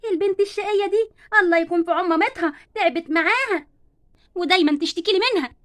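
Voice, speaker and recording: A woman's voice: extremely high pitch, rapid-fire, a bit bright. A woman doing a weary Egyptian auntie. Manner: pleading, scolding. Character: weary older neighbor woman with headache.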